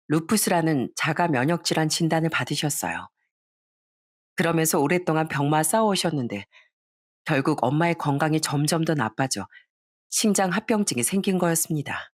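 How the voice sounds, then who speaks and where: A woman calmly narrating a first-person family story in a reflective tone. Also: deep voice, no room sound, studio quality.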